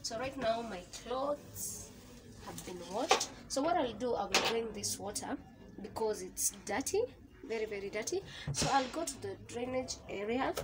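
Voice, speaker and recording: In a small home laundry room, a Kenyan woman in her thirties vlogs a laundry how-to, chatting casually through each step and slipping in Swahili phrases. Her voice is a little high and animated at a normal speed, and the recording is very noisy.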